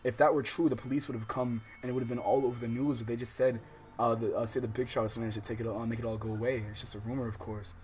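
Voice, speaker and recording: A man playing a visual novel on stream talks rapid-fire in a medium-pitched voice, faint music behind him. He switches back and forth between reading the game's text and loud, exclamatory, slangy outbursts.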